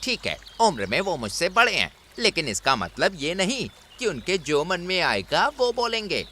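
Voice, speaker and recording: Bright, sharp cartoon monkey guy, huffy and upset, voice jumps around, man doing it. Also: high voice, very animated, moderate pace, heavily acted. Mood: aggrieved. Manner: complaining and indignant. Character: hot-headed young male monkey.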